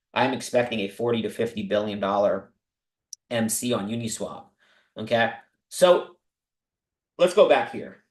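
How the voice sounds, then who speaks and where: Excitable man hosting a crypto stream. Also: mid-range voice, roomy sound, poor audio. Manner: excitable, talks to viewers directly with many asides. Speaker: crypto livestream host. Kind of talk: casual livestream talk about investing.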